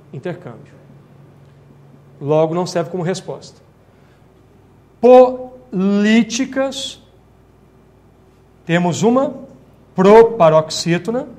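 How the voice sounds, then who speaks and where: A man teaching an exam-prep grammar lecture, explaining step by step and often checking in with the class. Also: high-pitched. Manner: explanatory, checks in with tag questions.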